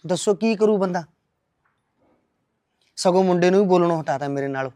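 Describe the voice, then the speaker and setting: A man's voice: sits high, darkish tone, no room sound, close to an everyday voice. A man playing a grumbling old village father. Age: older. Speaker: father-in-law.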